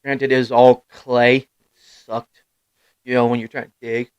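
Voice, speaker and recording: A man in his thirties hosting a live stream, rambling through casual stories in a middle-pitched voice. He swears freely, laughs at himself and breaks into loud bursts. The sound is dry and close, with no room around it. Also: level tone, a little slow, smooth, no echo, low-quality recording. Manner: rambling storyteller with sudden loud outbursts. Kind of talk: casual chat.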